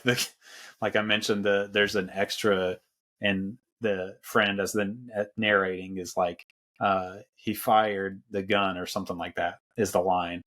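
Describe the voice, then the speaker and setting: Very low-pitched male podcast host, loose rambling film chat. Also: fairly bright tone. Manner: rambling, many fillers and restarts. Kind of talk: casual film discussion.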